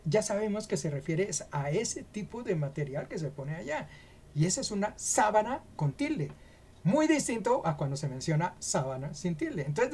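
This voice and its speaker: A man's voice: sits high, a little mellow. A man with a Colombian accent leads a Bible teaching for a church broadcast. He explains things methodically and works through examples one at a time. He keeps checking in with his listeners through short rhetorical questions.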